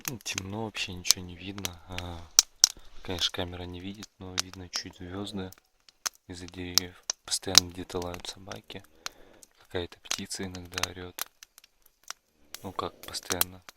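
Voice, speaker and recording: A man speaks in a low, even voice through heavy noise and clicks. He is vlogging casually outdoors at night, and his talk is loose and full of swearing. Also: moderate pace. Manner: profane. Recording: very noisy outdoor camera audio with clicks.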